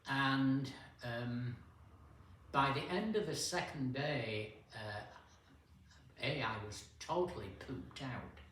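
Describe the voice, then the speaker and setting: Slow-talking older man in an echoey hall. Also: mid-range voice, fairly bright tone. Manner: unhurried, anecdotal, with pauses and fillers. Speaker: guest speaker at a men's fellowship. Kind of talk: casual storytelling talk. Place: church hall. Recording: echoey room, distant mic, faint hiss.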